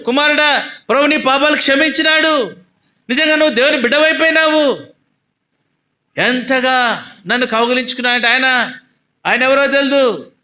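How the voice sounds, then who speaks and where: A man giving an emotional personal faith testimony, earnest and repetitive, going soft and low at the moving parts.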